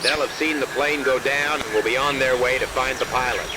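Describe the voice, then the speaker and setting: A man's voice: mid-range voice, steady tone, a little fast. An actor playing a male base radio operator in a war game, heard over a military field radio with clipped, formal radio procedure. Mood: steady. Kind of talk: war game cutscene dialogue. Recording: loud static over a radio link.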